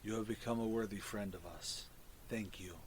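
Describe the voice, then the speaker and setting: A man voicing a gentle, grateful mushroom creature leader in a tabletop game, speaking softly and courteously with a hushed, muffled, solemn delivery. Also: lowish voice, moderate pace, a little hiss or hum, voice pushed down, natural voice. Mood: hushed gratitude.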